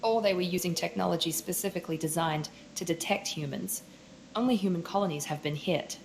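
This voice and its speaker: A woman's voice: fairly low pitch, brisk, slight background noise, lightly acted, rough recording. A woman playing a hard-nosed female operative in a video game, clipped and businesslike. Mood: probing.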